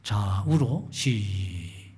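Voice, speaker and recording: A man from Gangwon Province preaching a Sunday sermon as pastor, animated, mimicking dialect phrases and sometimes dropping to a whisper. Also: fairly low pitch, very slow. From Gangwon Province, Korea. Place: church sanctuary.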